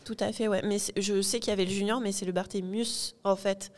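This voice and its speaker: A woman's voice: mid-range voice, steady tone, a little fast, a little mellow. A woman who is a guest on a live podcast, thinking aloud in a tentative way with many hesitations. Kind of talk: casual discussion before a live audience.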